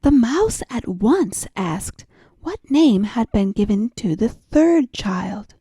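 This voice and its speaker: Very slow, soft-voiced woman storyteller. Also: medium pitch, very animated, no echo, clean studio sound. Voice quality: soft, breathy. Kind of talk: soft bedtime story narration.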